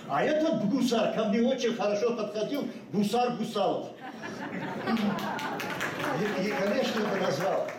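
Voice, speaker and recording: In a school hall at a public memorial ceremony, an elderly guest speaker with a high, darkish voice talks unscripted, far from the mic, with echo and a slight hiss or hum. He's a native Ossetian speaker who pauses, hesitates and restarts a lot.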